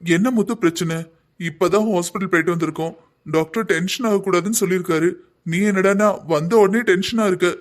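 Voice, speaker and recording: Soothing cartoon husband, voiced by a man, slightly raised pitch, calm. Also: brisk, natural voice. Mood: pleading. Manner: calm, reasoning. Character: young husband and son, patient and soothing. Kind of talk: Tamil cartoon drama voicing.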